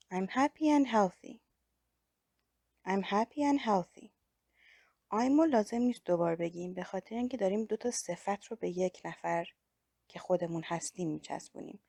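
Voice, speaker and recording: A woman with a Persian accent teaching English, repeating each word slowly several times for learners. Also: mid-range voice, darkish tone, dry recording, clean studio sound. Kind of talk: slow repetition drills for learners.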